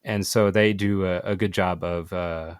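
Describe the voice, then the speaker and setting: Low-pitched guy hosting a podcast chat, stops and restarts a lot, pretty dry sound. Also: steady tone, clean tone, dry recording. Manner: halting, with many fillers and restarts. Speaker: podcast host. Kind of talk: casual podcast conversation.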